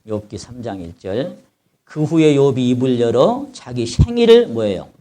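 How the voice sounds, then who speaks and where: Here a pastor's mid-range, warm voice moves at normal speed, very animated as he preaches. He reads from scripture, then unpacks it in everyday language, impassioned and crying out as the sufferer.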